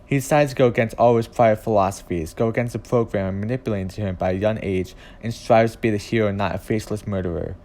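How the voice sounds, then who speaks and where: A man narrating a scripted video essay in an earnest, deliberate and emphatic way. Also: fairly low pitch, a little mellow.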